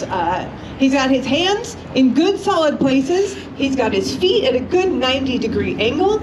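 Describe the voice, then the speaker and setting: A woman giving a live instructional demonstration to a group, conversational and checking in with her listeners often. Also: high-pitched. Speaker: motorcycle riding instructor. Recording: clear background noise.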